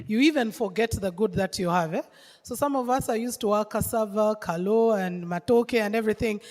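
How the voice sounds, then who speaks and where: A woman emceeing a live event, upbeat and chatty with the crowd. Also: medium pitch. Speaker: master of ceremonies. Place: large conference hall. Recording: long reverb of an event hall.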